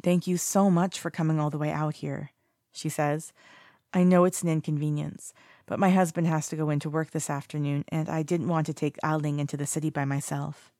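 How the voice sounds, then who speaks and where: Brief: a reader doing a warm, tired young mom in a storybook reading, soft and sweet, dry close sound. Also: medium pitch, little pitch movement, fairly quick, dry recording, lightly acted. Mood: earnest. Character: warm weary young mother, gentle and grateful.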